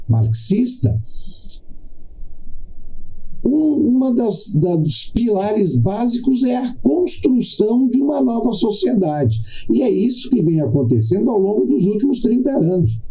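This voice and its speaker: A middle-aged Brazilian man hosts a podcast, delivering a political commentary monologue in a deliberate, teacherly way and driving points home with repetition and pauses. His voice sits high and mellow, and the recording is rough.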